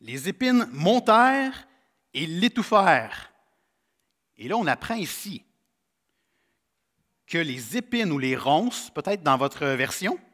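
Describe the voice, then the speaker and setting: Male Québécois pastor, casual storytelling sermon, lively intonation. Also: on the high side, long reverb tail. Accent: Québécois French. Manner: folksy, storytelling with humorous asides. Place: church sanctuary.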